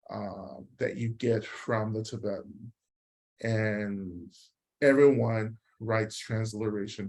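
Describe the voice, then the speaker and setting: A man's voice: on the low side, vocal fry. A man teaching a Buddhist practice session, explaining ideas in a reflective way and often checking in with "right?". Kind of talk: dharma talk answering questions.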